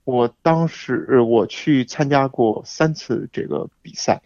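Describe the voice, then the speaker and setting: A man as the guest on a radio talk show, explaining things in a measured way with frequent fillers. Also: medium pitch, creaky, a little mellow, no room sound, highs cut off. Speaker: guest hiking expert. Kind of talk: casual radio interview.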